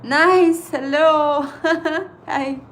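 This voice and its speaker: A native Estonian woman in her thirties, carrying an Estonian accent, talks with viewers in hesitant, filler-laden English while hosting a casual trading livestream. Her voice is high-pitched, steady, and fairly bright.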